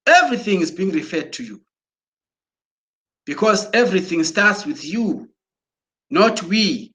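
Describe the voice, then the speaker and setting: A man giving an excited promotional talk, exhorting listeners and often restarting his words as he goes. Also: a little high. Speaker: broadcaster.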